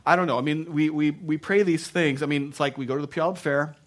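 A man with a Texan accent preaching a sermon, joking and animated, with many restarts. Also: fairly high pitch, fast. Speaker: pastor.

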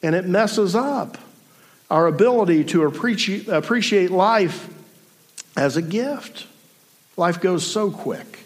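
A man's voice: high-pitched, animated, slow pace. A man in his forties preaching a sermon to a congregation in a room, reflective and thoughtful, with dry self-deprecating humor. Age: 40s. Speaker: pastor.

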